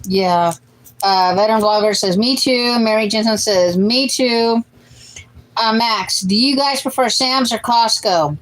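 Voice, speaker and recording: A woman's voice: on the high side, unhurried, low-quality recording. Chatty woman in her late forties reading comments. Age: late 40s. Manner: chatty, reads out comments and answers them. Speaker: host of a family cooking livestream. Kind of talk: casual livestream chat, reading viewer comments.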